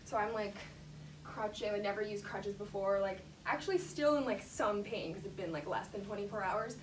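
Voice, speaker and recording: A woman's voice: medium pitch, normal speed. Young woman laughing through a story, echoey room. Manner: lots of fillers, frequent laughter. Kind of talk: casual anecdote. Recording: echoey room, distant mic, background noise.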